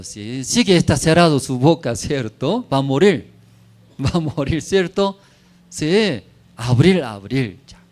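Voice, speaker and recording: A man preaching a sermon in a church, his delivery unhurried and drawn out. His pitch swings widely from phrase to phrase as he builds each point. He speaks in short, choppy, simple phrases and keeps tossing quick tag questions to the congregation. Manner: checks in constantly with tag questions.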